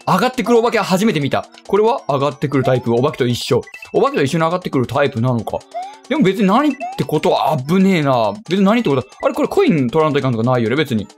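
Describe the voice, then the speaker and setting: A young man with a Kyushu lilt narrates a platform game as he plays. His fast, bouncy delivery jumps between high excited yelps and low mutters, with game music softly underneath. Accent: Kyushu Japanese. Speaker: game streamer. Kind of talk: let's play commentary.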